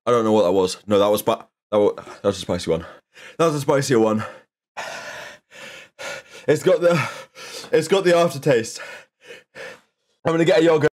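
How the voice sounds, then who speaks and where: A man's voice: mid-range voice, normal speed, long pauses. A young man chatting casually on a live stream, swearing freely and exclaiming. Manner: animated, swears a lot, exclaims.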